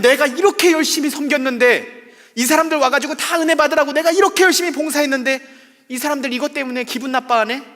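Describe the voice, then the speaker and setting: A preacher putting on a grumbling homeowner. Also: male voice, very high voice, sharp tone, pitched above the performer's own voice. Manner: indignant, rapid complaining questions. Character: resentful grumbling male homeowner, middle-aged. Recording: reverberant church sanctuary.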